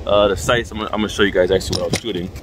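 A young man giving a casual, halting review to camera outdoors, often repeating his phrases. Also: low-pitched, steady tone. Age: young adult. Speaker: gun review vlogger. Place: outdoors at a snowy shooting range. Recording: faint outdoor background noise.

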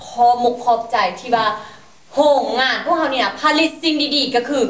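Woman as an earnest staffer, high voice, echoey, far from mic, noisy. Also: moderate pace, natural voice. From Laos. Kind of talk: stage comedy sketch.

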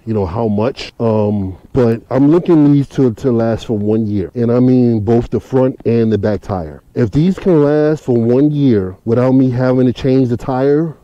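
Rambling man with a dark, dull voice. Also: mid-range voice, dry recording. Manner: rambling, repeats himself, many fillers. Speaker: motovlogger. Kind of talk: casual tire review. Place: outdoors in a parking lot beside his motorcycle.

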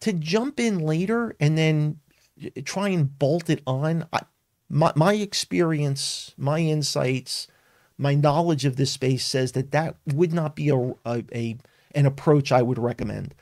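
The host of a weekly live-streamed tech talk speaks a little slowly in a slightly high, slightly mellow voice. He sounds earnest and emphatic, though he often restarts and uses fillers. The recording is clean studio sound without any room sound.

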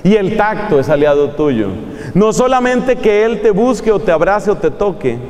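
A man's voice: sits high, expressive, normal speed, a little mellow. A man preaching a sermon in a playful, teasing manner, drawing out emphatic phrases. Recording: echoey hall with long reverb.

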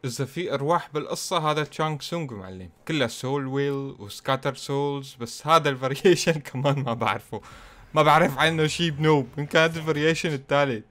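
A man commentating his own fighting-game match, excitable and teasing his opponent as he plays. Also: fairly high pitch, fast. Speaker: gaming channel host. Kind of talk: gameplay commentary.

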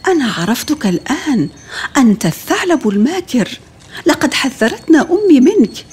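A woman's voice: fairly high pitch, animated, fairly quick, darkish tone, husky. Storybook chick: eldest of the brood, eager and outspoken, voiced by a woman. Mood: bold. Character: eldest baby bird, bold but naive.

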